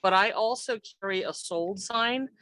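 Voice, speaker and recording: A woman's voice: mid-range voice, normal speed, a bit bright, no echo. A woman calling in from her car on speakerphone, with a connection that keeps breaking up. She politely asks to cut in and checks that she can be heard. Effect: car speakerphone call that keeps breaking up. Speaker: caller, mobile notary. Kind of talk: casual call-in question. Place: moving car.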